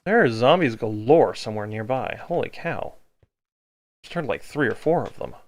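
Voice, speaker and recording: A man with a gravelly, middling-pitched voice talks through his video game in a casual, halting way. He sounds worn out and thinks aloud as he goes, with faint music playing behind him. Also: lively intonation. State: exhausted. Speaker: gaming video host. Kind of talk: casual gameplay commentary.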